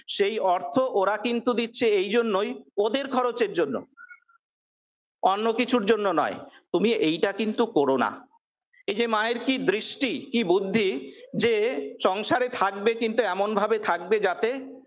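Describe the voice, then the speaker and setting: High-voiced monk telling devotional stories. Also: male voice. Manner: measured, slow and gentle, quotes dialogue softly. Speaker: monk giving a religious talk. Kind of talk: devotional storytelling talk. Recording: dull lo-fi sound.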